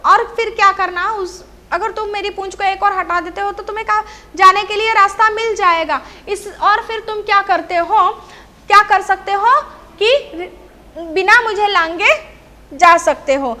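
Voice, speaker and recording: A woman's voice: very high-pitched, unhurried, bright, forceful tone. A woman teacher explaining a story to children, repeating key phrases and asking rhetorical questions.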